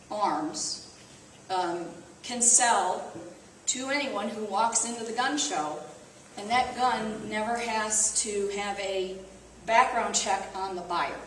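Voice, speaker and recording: A woman's voice: medium pitch, roomy sound, a little hiss or hum. Woman, Midwestern accent, chatty, heard from far off in a meeting room. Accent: Midwestern American. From American Midwest. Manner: conversational, with fillers and self-corrections. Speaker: volunteer speaker. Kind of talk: casual talk to a small audience.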